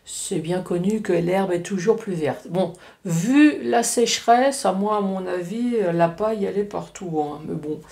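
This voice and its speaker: A woman's voice: mid-range voice, measured pace, vocal fry, dark tone. Woman, Alsatian accent, casual tarot reading, chatty and joking, roomy echo. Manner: chatty, joking asides, frequent "hein" tags. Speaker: card reader.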